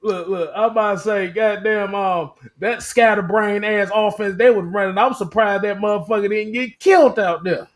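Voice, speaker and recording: A man co-hosting a casual sports talk stream, animated and laughing, repeating himself for emphasis. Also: high-pitched, normal speed, hardly any pauses. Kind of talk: casual sports chat livestream.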